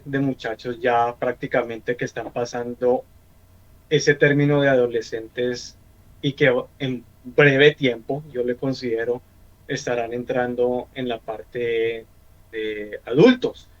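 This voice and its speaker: A middle-aged Colombian man giving an earnest testimony in a church discussion. He often repeats words while he searches for the next one. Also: medium pitch. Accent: Colombian Spanish. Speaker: church member on a panel. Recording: dull lo-fi sound.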